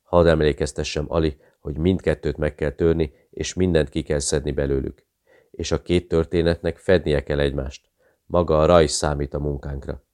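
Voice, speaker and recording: A man's voice: a bass voice, fairly even intonation, a little mellow. A man reading a curt, commanding general. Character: commanding middle-aged male general.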